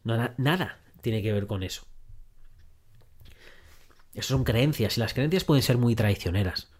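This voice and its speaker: A man's voice: mid-range voice, expressive, a little slow, a little mellow. Man giving relationship advice. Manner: direct second-person address, repetitive emphasis. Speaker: podcast host.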